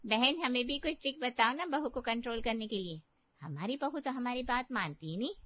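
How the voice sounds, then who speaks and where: A woman's voice: fairly high pitch, expressive. A woman playing a chatty middle-aged female friend from the old neighbourhood in a cartoon story. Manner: chatty, reminiscing. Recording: dull, dry lo-fi.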